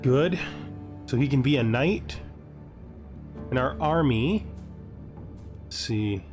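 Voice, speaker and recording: Taking it slowly, a man with an expressive mid-range voice narrates his video game playthrough in a casual way, reading on-screen text and thinking aloud as he plays. Music plays underneath.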